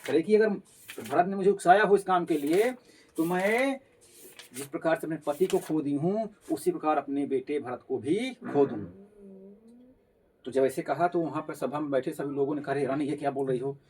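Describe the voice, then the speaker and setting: A man's voice: a little high, normal speed, a little mellow, a little hiss or hum. A male teacher explaining a Hindi poem line by line, repeating and paraphrasing each phrase as he goes.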